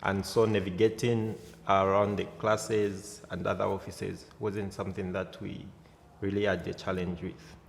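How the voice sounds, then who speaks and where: Young zambian guy, low gravelly voice, lots of ums, echoey hall. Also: little pitch movement, a little slow, slight background noise. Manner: hesitant, many "uh" and "um" fillers, chuckles easily. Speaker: exchange student. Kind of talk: interview answers. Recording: hall reverb.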